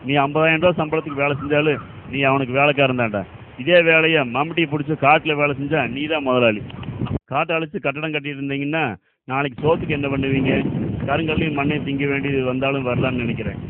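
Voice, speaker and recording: A man's voice: medium pitch, steady tone, fast talker, slight background noise, lightly acted. A man playing an older village farmer who earnestly lectures young men about taking up farming. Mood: lecturing. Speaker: elder farmer. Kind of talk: short film acting. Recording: phone-like audio with loud music.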